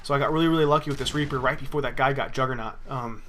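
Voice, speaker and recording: A man's voice: mid-range voice, fairly even intonation, rapid-fire, a bit bright. A young man telling a personal story in a rambling, profane way while commenting on his gameplay. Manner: rambling, profane, with many restarts. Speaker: gaming commentator. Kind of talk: casual storytelling over gameplay.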